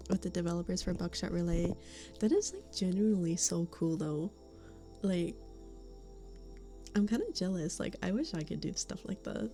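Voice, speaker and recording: This streamer's voice is fairly low-pitched and mellow, picked up by a studio condenser mic. Talking casually with her chat, she keeps giggling between comments and occasionally slips into a whisper.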